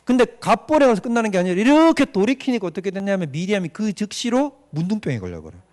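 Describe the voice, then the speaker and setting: A man's voice: high-pitched, sing-song, fast, darkish tone. A man, a pastor, giving a doctrine lecture and retelling a story with questions to the audience.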